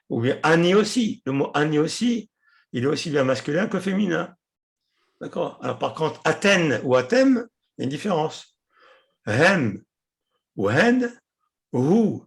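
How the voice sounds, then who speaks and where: A man teaching a class, explaining patiently, repeating words and pausing often with hesitations. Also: a little high, sing-song, gravelly. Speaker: Hebrew teacher.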